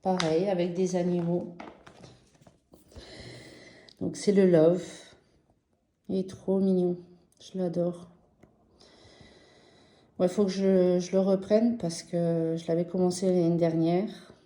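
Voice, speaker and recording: A French woman chatting casually and enthusiastically about her embroidery projects in a vlog, slow and gentle with many fillers. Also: lowish voice, little pitch movement, echoey room. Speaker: embroidery vlogger. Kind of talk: casual show-and-tell vlog.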